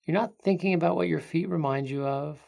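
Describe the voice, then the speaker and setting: A creaky voice at medium pitch leads a meditation, sounding much like a sleep story narrator. The guidance is gentle and hushed, and long pauses stretch between phrases.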